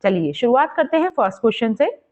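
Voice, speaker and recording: A woman teaching English literature exam prep, explaining step by step and posing quiz questions, reading English passages slowly. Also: a little high, very animated, a little mellow, dull audio. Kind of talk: exam-prep lesson in Hindi-English mix.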